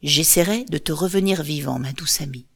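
A woman voicing a dutiful male warrior in a storybook reading, speaking softly and gravely. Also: on the low side, a little slow. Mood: tender. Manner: soft, grave murmur with a joyful outburst. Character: Hector, a grown male Trojan warrior, devoted and dutiful.

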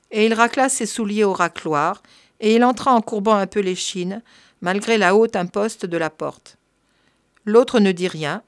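A woman narrating a story in a measured, even reading voice. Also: mid-range voice, no room sound, studio quality. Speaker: reader.

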